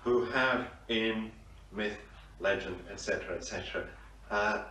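A man from the audience raising a question, halting and slowing as he reaches his points. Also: fairly low pitch, bright, forceful tone. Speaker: audience member asking a question. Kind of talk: discussion question. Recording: roomy sound from far off the mic, faint hiss.

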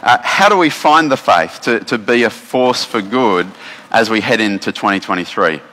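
Australian pastor in a reverberant hall. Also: male voice, lowish voice, normal speed. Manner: relaxed, chatty, many fillers and restarts. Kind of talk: casual sermon with instructions for children. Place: church hall. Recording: long reverb of a church hall.

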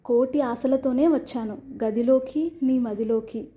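A woman's voice: high-pitched, a little slow, warm tone. A woman voicing a proud, defiant young bride in a storybook reading, firm and indignant.

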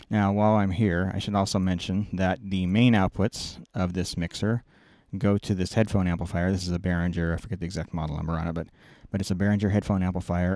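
This middle-aged video production engineer gives a casual technical tutorial step by step, frequently correcting himself. His voice is low-pitched and a little mellow. He's in a small indoor production control room, recorded on a close boom-mounted mic with no room sound.

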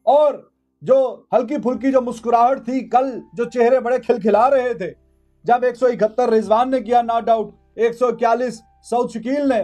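A man's voice: extremely high pitch, a little mellow. Man, 30s, mocking cricket analyst, repetitive, studio, lapel mic. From Pakistan. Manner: mocking, repeats phrases for emphasis. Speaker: cricket commentator. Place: indoor studio.

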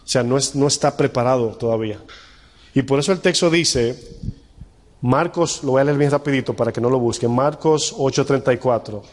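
A man's voice: medium pitch, fairly quick. Preaching male pastor in a reverberant church. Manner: conversational preaching with rhetorical questions to the congregation. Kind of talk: sermon.

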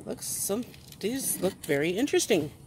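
A mother who hosts a toy review channel does a casual outdoor unboxing, sitting on a wooden step beside a house and talking into a handheld phone or camera held close. Her mid-range voice is sing-song at a moderate pace, and she pieces her explanations together as she goes. The handheld recording is noisy.

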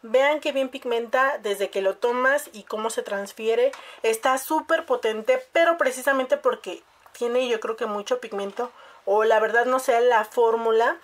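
A woman's voice: a little high, unhurried. Chatty woman reviewing makeup. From Mexico. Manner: chatty, addresses viewers as "chicas". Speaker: beauty vlogger.

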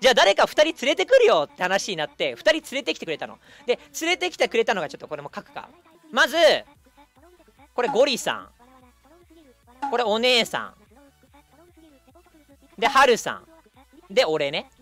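A young man chatting casually as a streamer, telling a long story in an animated way and acting out the people in it. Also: sits high, normal speed, long pauses, soft background music. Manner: animated, acts out quoted people.

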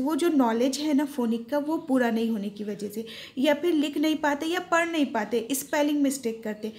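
A woman's voice: high-pitched, a little mellow. A woman with an Indian accent teaching a spoken English class, explaining patiently and repeating words for emphasis.

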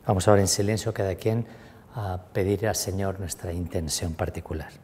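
A man, a priest, celebrating Mass, praying in a solemn, measured way in a church. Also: low-pitched, steady tone, darkish tone, a little hiss or hum. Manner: solemn, measured liturgical prayer. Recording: echoey church with long reverb.

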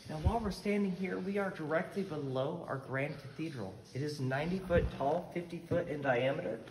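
A man's voice: on the high side, brisk. A man leading a group through a cave, giving polite, instructive safety directions and facts. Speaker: cave tour guide. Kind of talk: guided tour talk. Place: inside a cave. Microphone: phone camera carried by a visitor. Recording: echoey cave with background noise.

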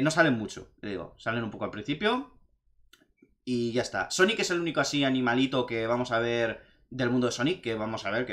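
Excitable young Spaniard with a bright voice. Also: male voice, medium pitch. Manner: excitable, rambling, animated retelling. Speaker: video reviewer. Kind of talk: casual film review vlog.

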